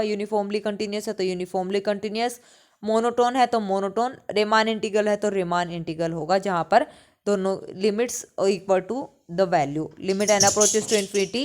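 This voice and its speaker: Over slight background noise, a female maths teacher with a mid-range, darkish voice gives an exam-prep lecture. Her Hindi is sprinkled with English math terms, and she asks questions, answers them, and repeats what matters most.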